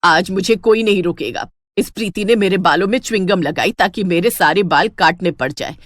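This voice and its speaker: A woman voicing a proud, jealous middle-aged mother-in-law in a cartoon story, scolding and shrill when angry. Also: moderate pace, fairly bright tone, no echo, studio quality. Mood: furious.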